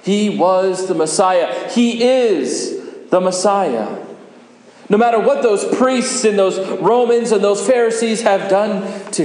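A humble, repentant criminal on a cross, performed by a man with a fairly high voice in an earnest, unhurried monologue. He sounds short of breath, and every line spreads through a big, echoing hall. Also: a little mellow. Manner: earnest, slow and deliberate. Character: repentant crucified male criminal, humble and hopeful. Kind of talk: first-person dramatic monologue. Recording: echoey hall with long reverb.

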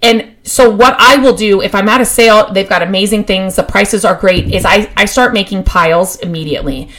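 A woman of middle pitch hosts a podcast, handing out practical tips in a casual, chatty flow. She talks with plenty of fillers and restarts, and her enthusiasm for the topic comes through. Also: fairly quick. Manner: gets excited about her topic. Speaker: podcast host. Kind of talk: casual advice talk.

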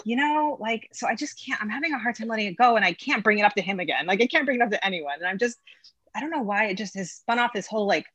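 A physician in her thirties, speaking as a coaching client, tells a frustrating story in a rambling, exasperated, emotional way with many restarts. Her medium-pitched, slightly bright voice is animated and fast, with no echo.

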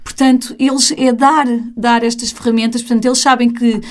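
A woman teacher with a European Portuguese accent talks in a casual conversation. Her voice sits fairly high for a woman. She speaks animatedly and slips into the voices of children and adults as she explains. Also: flat delivery, brisk, darkish tone.

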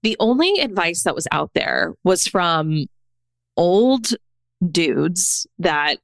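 A woman in her thirties, appearing as a podcast guest, tells stories in a candid, casual way, scattering "like" and "right?" throughout. Her voice sits fairly low, with huge pitch swings, a slow pace and a creaky quality. The recording is dry.

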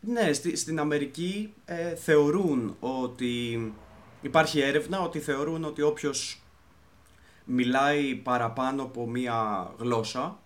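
Halting man co-hosting a podcast. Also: mid-range voice, a bit bright. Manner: halting, restarts words, mixes in English terms. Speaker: podcast co-host. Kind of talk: casual podcast chat.

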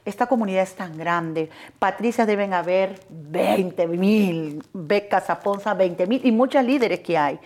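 A woman's voice: mid-range voice, measured pace, few pauses, a little mellow. A woman co-hosting a television talk show, asking questions in an affirming way. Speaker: co-host.

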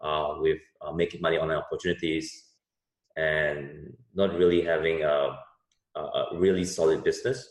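An Indonesian software business owner in his thirties answers interview questions casually, using lots of fillers and restarting sentences. He has a steady bass voice and speaks at normal speed, recorded in a room with noticeable echo.

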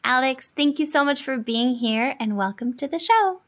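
A woman's voice: high-pitched, lively intonation, moderate pace. A woman hosting a podcast, enthusiastic and bubbly as she welcomes and questions her guest. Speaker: podcast host. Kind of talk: casual interview chat.

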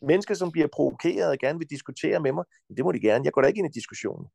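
Blunt, gravelly-voiced Danish man. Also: a little high, animated, a little mellow, no echo. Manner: blunt, insistent, swears freely. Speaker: podcast guest. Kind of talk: forceful conversational advice.

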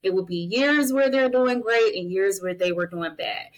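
Talking at a normal speed in a medium-pitched voice, a woman in her late thirties offers listeners candid, emphatic advice drawn from her own life. She's a guest on a podcast, a mental health advocate and guardian, and the exchange is a conversational interview built on personal testimony.

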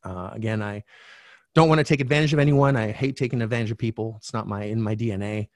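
A middle-aged man, a podcast guest and real estate coach, telling a candid personal story in a frank, animated way, swearing casually. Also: fairly low pitch, quick pace, no room sound, clean studio sound.

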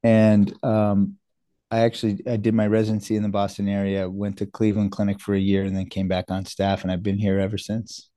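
A man's voice: on the low side, flat delivery, fairly quick, mellow, no echo, studio quality. A middle-aged man from New York, a guest surgeon telling his story in a casual interview, earnest and self-deprecating. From New York, USA.

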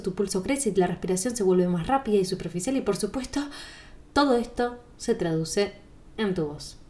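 Speaking directly to the listener, a female singing teacher with a Rioplatense Spanish accent delivers a calm, explanatory podcast monologue in a medium-pitched voice.

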